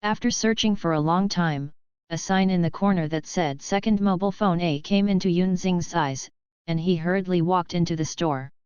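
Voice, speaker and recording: A woman narrating an audiobook novel in an even, steady reading. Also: fairly low pitch, moderate pace, clear, resonant tone, no echo, dull audio. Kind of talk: scripted narration.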